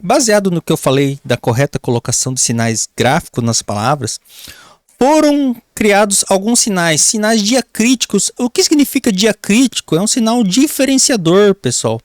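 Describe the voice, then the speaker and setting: A man with a Brazilian accent teaching a grammar lesson for an exam, often calling the class "pessoal" and drawing out key words slowly while he writes on a board. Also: high voice, very animated, no room sound, clean studio sound. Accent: Brazilian Portuguese. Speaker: Portuguese teacher.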